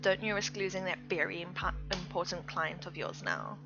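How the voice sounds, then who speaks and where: A woman's voice: lowish voice, sing-song, moderate pace, gravelly. A woman voicing a bitter, sarcastic young woman who snaps at her partner, her delivery raised and emphatic, on a slightly dull recording with faint music.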